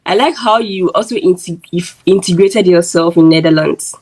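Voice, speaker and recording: Chatty woman interviewer, lowish voice. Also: normal speed, darkish tone, slightly rough, rough recording. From Ghana. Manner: chatty, uses lots of "like". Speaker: YouTube host and interviewer. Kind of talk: casual interview chat.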